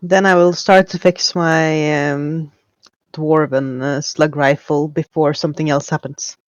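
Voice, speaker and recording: A woman's voice: low-pitched, steady tone, unhurried, dry recording. A woman playing a tabletop game online, stating her character's actions in a matter-of-fact way. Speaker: player. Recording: dull lo-fi mic.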